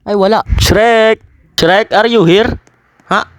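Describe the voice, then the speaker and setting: A man narrates his own game role-play in a high voice. He is excitable and breaks into loud, sudden exclamations. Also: slow pace, no echo. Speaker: gaming video creator.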